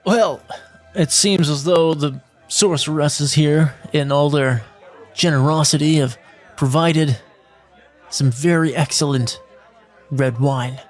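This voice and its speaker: A man voicing a handsome, smooth-talking young male mage at a party in a tabletop game. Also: fairly high pitch, takes it slowly, soft background music.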